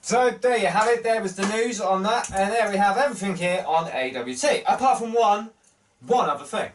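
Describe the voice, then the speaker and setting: A man in his thirties hosting a casual wrestling news show to camera, upbeat and chatty, with big jumps in pitch for emphasis. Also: brisk, music in the background. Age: 30s. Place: small wood-panelled room full of wrestling posters. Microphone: webcam close up, then wide desk camera.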